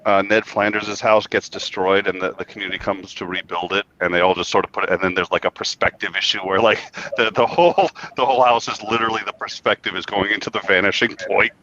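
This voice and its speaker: A married man in casual group chat, an animated storyteller who stammers and restarts. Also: lowish voice, fast talker, hardly any pauses, muffled recording, slight background noise.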